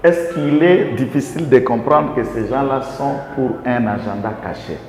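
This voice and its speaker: A man with a Congolese accent, appearing as a guest, delivers impassioned political commentary in a medium-pitched, slightly mellow voice at normal speed. He is emphatic, using rhetorical questions and repeated lists, and the room is echoey and reverberant with faint background noise.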